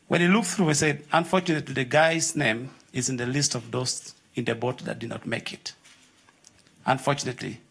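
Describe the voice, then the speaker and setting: A young man speaks from the audience at a conference, earnest and steady, with a mid-range voice. He tells a personal story and voices the people in it. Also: mid-range voice, gravelly, husky. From Uganda. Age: young adult. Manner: earnest, acts out dialogue in his story. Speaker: audience member telling his story.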